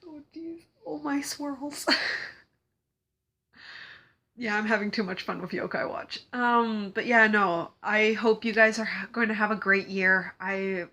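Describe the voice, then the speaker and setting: Young female vlogger, stuffy from a cold, chatty and giggly, bright tone. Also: medium pitch, steady tone, a little slow, pauses often. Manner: rambling, giggly, lots of fillers. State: congested from a cold. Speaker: cosplay vlogger. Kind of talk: casual chat to camera.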